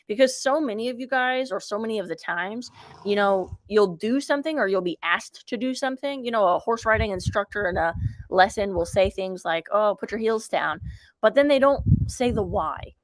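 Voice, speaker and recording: A woman's voice: medium pitch, normal speed, no echo. A woman in her thirties, a riding coach teaching on a live stream from an outdoor ranch. She talks energetically into a close phone camera and keeps checking in with viewers. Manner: energetic, repeats "okay?" and urges viewers to comment. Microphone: phone camera held close.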